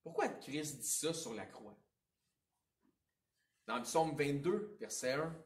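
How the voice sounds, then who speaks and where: Quebec pastor preaching in a roomy church. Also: male voice, a little high, animated, slow pace. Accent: Quebec French. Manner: conversational preaching with informal asides and wide swings in loudness. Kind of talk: sermon. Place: church sanctuary. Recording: roomy echo, voice picked up from a distance.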